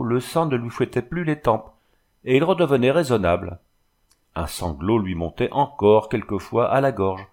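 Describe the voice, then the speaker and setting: A man narrating a classic short story in a measured, expressive audiobook reading. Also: on the low side.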